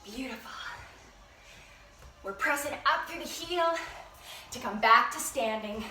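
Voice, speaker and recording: A woman's voice: on the high side, expressive, a little slow, distant mic, music in the background. A woman leading a home workout, counting reps and giving upbeat, encouraging cues while out of breath. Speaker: fitness instructor. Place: room at home. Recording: echoey room, voice off-mic.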